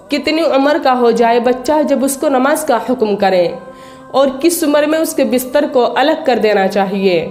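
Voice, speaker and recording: A woman's voice: sits high, a little mellow. A woman giving an earnest religious talk to her listeners, repeating her points for emphasis. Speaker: religious speaker. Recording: echoey room with faint music.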